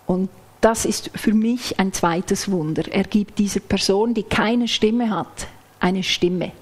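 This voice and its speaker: A woman preaching a sermon in a measured, explanatory way, working through a Bible passage phrase by phrase. Now and then she sinks into soft, almost whispered asides. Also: medium pitch. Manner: explains text closely, acts out quoted lines.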